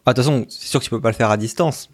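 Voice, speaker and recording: A man's voice: medium pitch, racing, breathy edge, dry recording. A man hosting a casual tech podcast, chatty and hesitant, with many fillers. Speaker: podcast host. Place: lives in Sweden.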